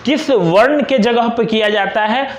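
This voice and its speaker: A young man teaching a grammar lesson, slowly and patiently repeating each example word. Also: extremely high pitch, reverberant, highs cut off. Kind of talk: classroom lesson explaining examples on a board.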